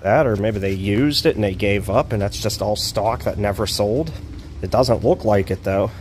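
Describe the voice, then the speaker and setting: Here the same kind of vlogger, a man exploring an abandoned store outside, talks into his handheld phone camera as he walks, rambling loosely and thinking aloud with fillers. He speaks at a moderate pace in a lowish, slightly mellow voice, with faint hiss or hum underneath.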